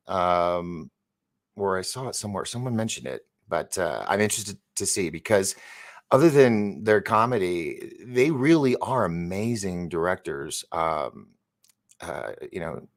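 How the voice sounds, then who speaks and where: A live stream host in his fifties, from San Francisco, speaks in a low, animated voice at a slightly slow pace. He chats loosely and wanders off topic as he goes through viewer comments, with frequent stumbles. He is recovering from an injury.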